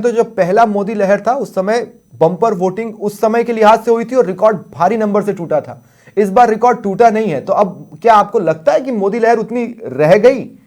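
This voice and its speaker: A man moderating a live TV debate as anchor, asking pointed questions in deliberate phrasing. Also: sits high, a little mellow. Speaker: news anchor.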